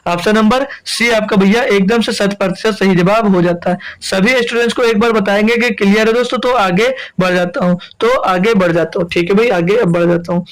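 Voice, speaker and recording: A young man from India runs an exam-prep maths class, his voice sitting notably high. He keeps repeating each step and answering his own questions as he works through the problems. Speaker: maths teacher.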